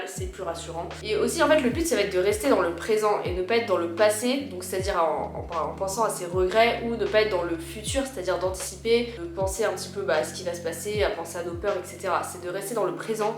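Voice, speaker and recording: A woman with a slightly worn voice, explaining personal advice informally and chattily to her viewers. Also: mid-range voice. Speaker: video creator giving personal advice. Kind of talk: casual advice vlog, chatty. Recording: roomy echo with music behind.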